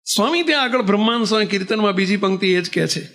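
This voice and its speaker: A monk preaches a sermon in a high-pitched, racing voice. He tells stories in a lively way and puts rhetorical questions to the audience.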